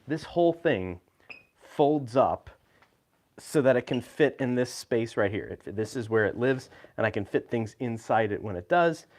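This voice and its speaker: A man hosting a live video, talking casually about his gear, with frequent fillers and restarts. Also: medium pitch. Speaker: host. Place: indoor room with lights.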